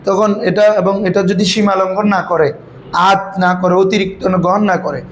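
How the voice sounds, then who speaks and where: A man teaching a classroom lesson, asking his students question after question, calling them by a fond name, and slowly reciting verses. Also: high voice, fairly even intonation, slight background noise, low-quality recording. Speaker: Arabic grammar teacher.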